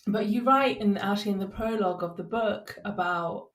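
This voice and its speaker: A woman hosting a podcast, asking measured, thoughtful questions. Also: medium pitch. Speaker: podcast host. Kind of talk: interview questions. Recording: roomy echo.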